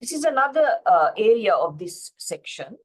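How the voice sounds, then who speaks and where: A woman's voice: medium pitch, sing-song, moderate pace. Woman from Sri Lanka teaching pathology. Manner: explanatory, frequent fillers and self-corrections. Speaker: pathology lecturer. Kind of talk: slide-based teaching lecture.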